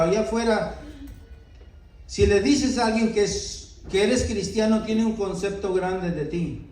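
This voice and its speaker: A man's voice: high voice, darkish tone, distant mic. A middle-aged man preaching a sermon in earnest, often asking his listeners "¿verdad?". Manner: earnest, many rhetorical "¿verdad?" asides. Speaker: pastor. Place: church. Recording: echoey church hall, voice from off-mic.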